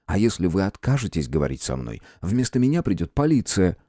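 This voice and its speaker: Male narrator as a composed, formal detective of old times; measured, lively pitch. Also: dry recording, clean studio sound. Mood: firm. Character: calm, firm gentleman detective of old times. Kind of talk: audiobook character voicing.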